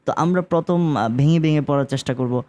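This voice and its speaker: A man with a Bangladeshi Bengali accent teaching Quran recitation, explaining sounds in relaxed talk and chanting verses slowly and drawn out. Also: a little high. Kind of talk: relaxed spoken lesson with slow chanted recitation.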